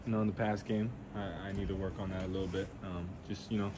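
Low flat-voiced young man, noisy room. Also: fast. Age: young adult. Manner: plain-spoken, hesitant, many fillers. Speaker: college quarterback. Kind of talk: postgame press Q&A. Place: indoor weight room. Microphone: handheld reporter mics.

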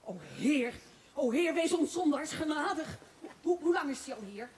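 A woman's voice: high-pitched, moderate pace, a little mellow, a little hiss or hum, lightly acted. A woman acting a self-important woman mayor in a stage play, flustered and exclaiming. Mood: panicked.

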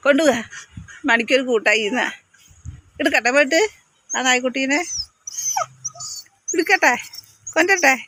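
Filming a casual vlog at the vet, a high-voiced woman sweet-talks her dog in a sing-song, babyish way. The recording is low quality, with dogs and traffic loudly audible behind her.

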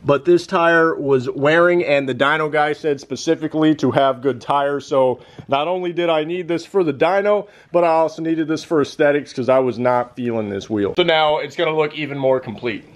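A man vlogging about his car build in excited, rambling, slangy casual talk. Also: fairly high pitch, normal speed, hardly any pauses. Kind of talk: casual vlog commentary.

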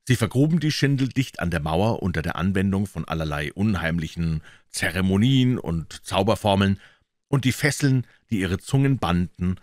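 A man with a low voice reads a classic story aloud in an even, measured storytelling way. His voice is recorded close and dry, with no room echo. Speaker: audiobook narrator. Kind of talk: scripted narration of a classic novel.

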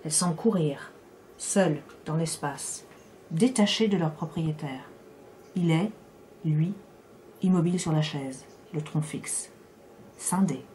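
A woman author giving a measured, unhurried reading of her own literary prose. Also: deep voice, warm tone, a little hiss or hum. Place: Paris.

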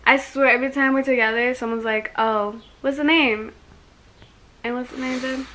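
High bright young woman with slight lisp. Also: fairly even intonation, normal speed. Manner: giggly, rambling with many likes. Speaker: vlogger. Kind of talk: casual vlog chat. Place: car.

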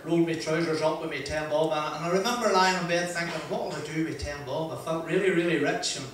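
An older Northern Irish man, a motivational speaker with a voice a touch high for a man, rambles through a self-deprecating anecdote to a seated audience. He's chatty, full of "uh" pauses and laughs, and speaks into a handheld mic in a large wood-panelled function room. Captured from afar, the room echoes around him, with a little hiss or hum.

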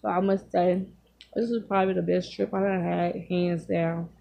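A woman in her thirties telling casual stories while she eats, talking with her mouth full and pausing to chew, recorded on a phone in a room at home. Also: lowish voice, little pitch movement, gravelly, dark tone. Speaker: vlogger. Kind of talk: casual storytelling while eating. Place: small home room, indoors. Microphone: phone at arm's length.

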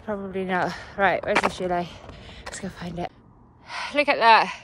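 A woman with a lowish voice talks at normal speed over a noisy background, vlogging outdoors on a cold night while running. Phone in hand and out of breath, she chats and rambles casually.

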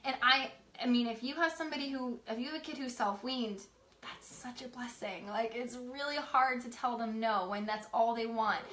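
A woman's voice: fairly high pitch, fairly even intonation, moderate pace, a bit bright. A young woman in casual chat with her viewers, telling stories and laughing as she talks at home with a toddler nearby. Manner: chatty, laughing, retells stories with quoted voices. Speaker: vlogger. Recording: echoey room, faint background hum.

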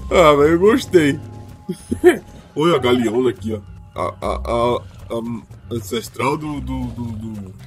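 Man playing an excitable creature dad. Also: on the high side. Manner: excitable, animated, exclaiming. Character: worried male creature father guarding his island. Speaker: gameplay role-player. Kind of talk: let's-play role-play.

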